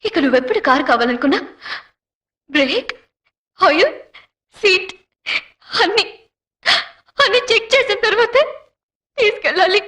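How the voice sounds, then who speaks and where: A woman's voice: extremely high pitch, sharp tone, full character voice. A woman dubbing a devoted, emotional young wife in a film, pleading and earnest. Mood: loving, anxious. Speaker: dubbing actress. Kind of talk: Telugu film dub.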